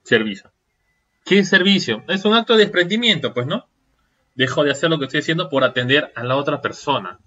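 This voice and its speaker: A man's voice: fairly high pitch, expressive, a little fast, bright, forceful tone, lo-fi sound. Man lecturing with rhetorical questions. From Peru. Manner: rhetorical questions, frequent checking "¿sí?". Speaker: seminar lecturer. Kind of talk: online seminar lecture.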